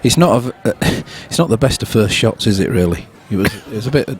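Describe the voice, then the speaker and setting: Low-voiced man, laughing club snooker commentator. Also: lively intonation, fast, slight background noise. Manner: laughs easily, chatty. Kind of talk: relaxed live sports commentary.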